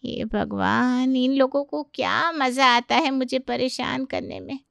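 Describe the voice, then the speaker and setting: Cartoon mom-in-law, fussy and nagging, high sharp voice played by a woman. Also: a little slow, creaky, clean tone, no room sound, highs cut off, exaggerated voice. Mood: exasperated. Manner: complaining, exasperated scolding. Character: fussy exasperated middle-aged mother-in-law. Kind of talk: cartoon voice acting.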